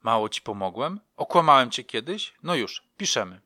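Man playing a scheming agent, coaxing and persuasive, bright crisp tone, dry close sound. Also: medium pitch, big pitch swings, normal speed, no echo. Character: scheming male secret police agent.

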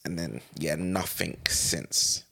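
A man's voice: sits low, slow pace, gravelly, pushed and bright, slightly rough. A young man with a London roadman accent, chatting casually in heavy street slang and repeating himself for emphasis.

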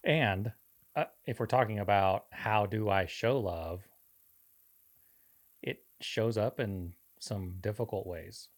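A man's voice: on the low side, slow pace. A man co-hosting a podcast, explaining faith in an earnest, preacher-like way. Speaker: podcast co-host. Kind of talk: casual faith discussion.

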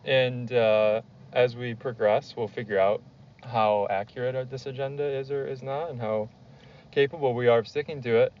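A man's voice: medium pitch, steady tone. A man hosting a casual podcast chat, steering the group through the talk. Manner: leads the talk, sings a slow teasing birthday song. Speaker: podcast host. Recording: dull lo-fi sound with faint noise.

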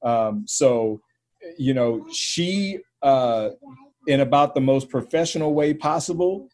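A man chats on a podcast in a blunt, slangy way. His voice sits at a middling pitch and the recording is plain. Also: takes it slowly, a little mellow. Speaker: podcast co-host. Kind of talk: casual chat.

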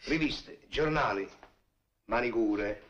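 An actor playing a lazy barbershop customer who teases and chats idly. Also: male voice, medium pitch, slow pace, lightly acted. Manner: teasing, idle chatter. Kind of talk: old film comedy acting. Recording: dull old film soundtrack with faint hiss.

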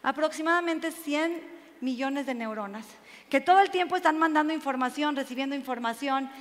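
A woman's voice: high-pitched, normal speed. A woman giving an earnest inspirational religious talk at a women's seminar and asking rhetorical questions. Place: seminar hall. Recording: long hall reverb.

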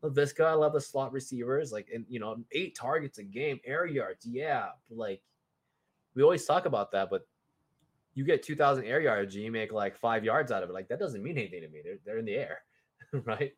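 A man's voice: mid-range voice, animated, fairly quick, slightly rough. A man who is a guest on a podcast, talking in a rambling, stammering way with laughing asides. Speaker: podcast guest, fantasy football writer. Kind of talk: casual podcast chat.

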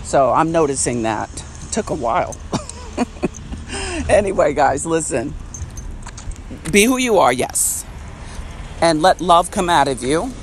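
A man hosting an unedited podcast outdoors, talking reflectively and repeating phrases, laughing now and then. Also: sits high. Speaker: podcast host. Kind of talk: casual unedited podcast monologue. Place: outdoors by a street. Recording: faint outdoor street noise. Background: traffic and street noise.

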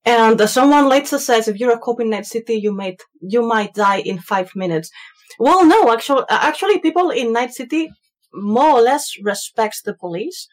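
A woman's voice: a little high, lively intonation, moderate pace. A woman co-hosting a podcast in casual chat, wry and explanatory. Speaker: podcast co-host.

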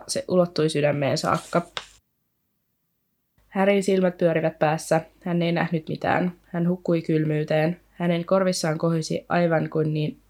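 A podcast co-host with a deep, darkish voice casually retells a story in a rambling way, full of fillers, now and then reading passages aloud from the book as part of a relaxed book discussion.

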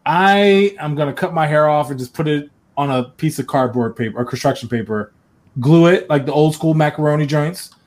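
A man co-hosting a casual chat, animated and laughing often, slipping into joking voices. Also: on the high side, moderate pace.

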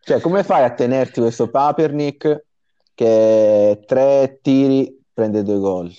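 A man hosting a casual football discussion, halting as he searches for words, in slightly dull, lo-fi audio. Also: medium pitch, warm tone, clean tone, dry recording. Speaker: host of a fantasy football discussion. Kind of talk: casual sports commentary chat.

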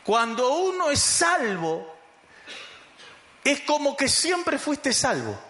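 A man's voice: extremely high pitch, big pitch swings, takes it slowly, pushed and bright, reverberant, a little hiss or hum. A man preaching a sermon as pastor, emphatic and calling the congregation to repeat after him.

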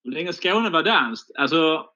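Bright Scanian man, mock-indignant. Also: on the high side, expressive, highs cut off. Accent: Scanian Swedish. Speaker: podcast co-host. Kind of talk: casual podcast chat.

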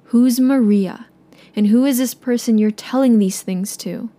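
A woman's voice: on the high side, measured pace, mellow, close to an everyday voice. A woman voicing her angry, strict middle-aged mother inside a spoken personal story.

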